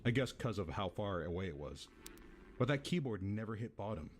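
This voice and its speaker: A man's voice: fairly low pitch, animated, brisk, a little hiss or hum, close to an everyday voice. A man with an American accent playing a laid-back, foul-mouthed tenant who rambles through an eerie story in casual audio-drama style. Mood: intrigued.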